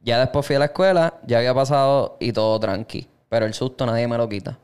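A man's voice: mid-range voice, fast talker, darkish tone, clear, resonant tone. A young man with a Puerto Rican accent, reading listener stories aloud and chatting in slangy, profane banter as a podcast co-host. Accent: Puerto Rican Spanish. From Puerto Rico.

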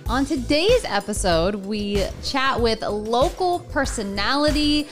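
A woman's voice: fairly high pitch, lively intonation, a little slow. A woman co-hosting a podcast, upbeat and giggly in casual chat. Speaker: podcast co-host. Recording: music bed under the voice.

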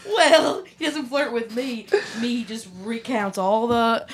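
In an improvised comedy interview, a woman plays a ditzy young Texan lifeguard, gossiping as she rambles and giggles, often laughing mid-sentence. Her voice is a little high and close to everyday speech, delivered at a measured pace.

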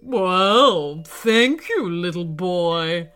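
A big jungle animal from a children's story, voiced by a woman narrator, speaking slowly and deliberately. The pitch still moves expressively, and gentle music plays behind. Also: expressive, exaggerated voice. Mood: vain, pleased. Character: big wise gorilla, later a vain lion.

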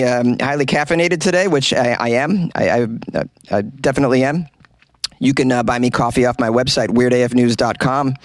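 A man's voice: medium pitch, no room sound. Guy doing a funny news podcast from a closet, super dry sound, wry and rambly, pokes fun at himself. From New England. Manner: rambling, self-deprecating, wry. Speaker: podcast host. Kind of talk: casual comedic commentary on odd news. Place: small hot closet.

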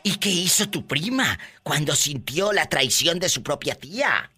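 A woman from Mexico hosting a radio call-in show, dramatic and gossipy, shouting catchphrases. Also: deep voice, big pitch swings, a little slow.

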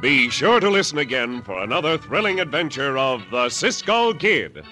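A man's voice: mid-range voice, very animated, moderate pace. A man announcing in dramatic old-time radio sign-off style. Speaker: show announcer. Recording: vintage radio, loud organ music. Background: organ music.

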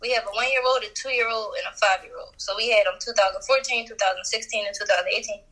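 Woman on a podcast talking real fast, bright husky voice, lively and laughing a lot. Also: medium pitch, rough recording. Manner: animated, laughing, slangy, acts out quotes. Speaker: podcast guest. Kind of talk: casual podcast chat.

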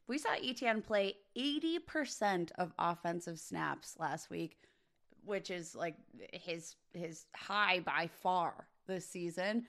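A slightly hoarse woman co-hosts a podcast in relaxed, casual chat. Her delivery is loose and unpolished. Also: fairly low pitch, slow pace. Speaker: podcast co-host.

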